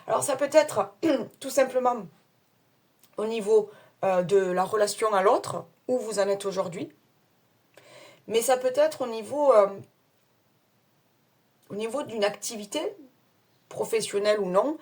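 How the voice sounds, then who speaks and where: Her voice is on the high side and husky, and she talks a little slowly with long pauses as she reads tarot for her audience. This woman has her own, non-standard French accent, and she's casual and chatty, hesitating with plenty of fillers and laughing at herself.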